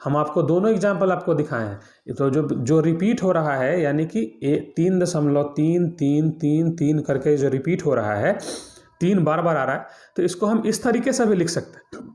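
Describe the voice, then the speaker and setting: Maths teacher in an echoey room. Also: male voice, on the high side, lively intonation, moderate pace, a little mellow. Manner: repeats key points, quizzes students. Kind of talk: explaining lesson.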